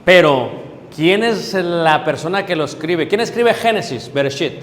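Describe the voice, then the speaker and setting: A middle-aged man, a preacher, teaching a Bible class, explaining step by step, checking in with his listeners and pausing on hesitant fillers. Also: a little high, expressive. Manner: hesitant fillers while searching for words. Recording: reverberant hall with faint background noise.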